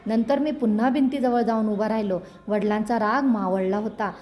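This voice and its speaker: A woman narrating a storybook in a measured, expressive reading. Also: on the high side, a little hiss or hum.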